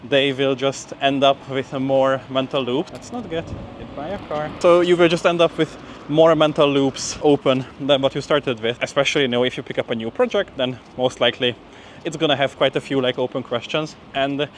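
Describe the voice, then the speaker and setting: A young adult PhD student vlogs to camera while walking down a street, slightly out of breath and speaking casually with lots of "like" and "you know." His medium-pitched voice moves a little fast. Street and traffic noise come through clearly.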